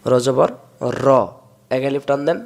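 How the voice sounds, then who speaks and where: A man from Bangladesh, teaching Quran reading step by step and drawing out sounds slowly to show them. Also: mid-range voice, vocal fry, darkish tone. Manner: explains step by step, drawls sounds slowly to demonstrate. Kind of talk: recitation lesson.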